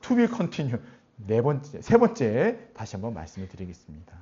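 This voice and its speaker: A man preaching a sermon as pastor, animated and often putting questions to his congregation. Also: medium pitch, moderate pace. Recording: dull lo-fi recording.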